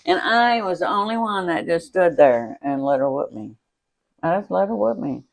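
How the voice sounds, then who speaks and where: A woman's voice: fairly low pitch, lively intonation, moderate pace, gravelly. An older woman tells family stories in casual chat. She laughs often and acts out the voices of the people in her stories. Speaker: interviewee, mother.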